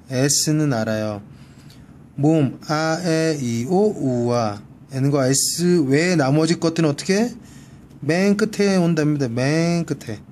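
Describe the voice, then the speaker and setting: A man's voice: a little high, dark tone, a little hiss or hum. A man teaching a one-on-one Spanish grammar lesson, patiently repeating each word for practice. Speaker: Spanish tutor. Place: library.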